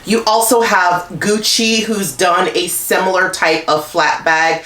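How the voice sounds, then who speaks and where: Chatty low-voiced woman in echoey room. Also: steady tone, measured pace, fairly bright tone. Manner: chatty, many "like" fillers. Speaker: luxury handbag YouTuber. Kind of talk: casual chat to camera.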